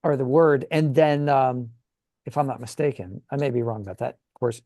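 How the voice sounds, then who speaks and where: Heard in a dry, studio-quality recording, a tabletop gaming show co-host talks at a moderate pace in a warm, medium-pitched voice. He speaks English natively and muses aloud with casual enthusiasm.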